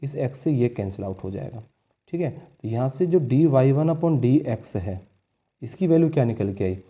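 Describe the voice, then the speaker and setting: A man's voice: medium pitch, expressive, moderate pace, mellow. A male maths teacher, working through board-exam problems step by step and answering his own questions. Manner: calls students "बच्चे" and "भाई".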